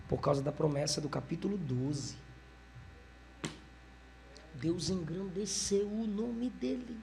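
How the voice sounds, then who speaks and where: A man preaching a live sermon with a Brazilian Portuguese accent, telling stories with animated delivery. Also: on the high side, slight background noise. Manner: animated storytelling, acting out voices. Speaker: pastor.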